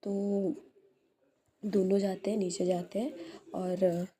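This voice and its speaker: A woman's voice: mid-range voice, little pitch movement, takes it slowly, warm tone. A woman hosting her channel, telling a love story in a casual, hesitant way with many filler sounds.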